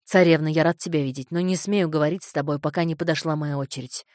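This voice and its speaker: Soft-spoken, polite teen squire in a storybook, voiced by a woman, lowered pitch. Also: steady tone, fast talker, no echo, studio quality, lightly acted. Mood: calm. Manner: soft, restrained. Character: calm, polite teenage boy squire.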